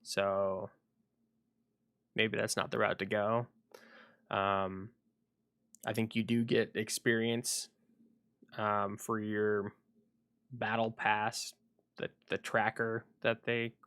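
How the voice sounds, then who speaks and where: A man chatting casually on a solo livestream, rambling and thinking aloud with frequent pauses, at home at his computer. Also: on the low side, level tone, fairly bright tone, smooth, dry recording, studio quality.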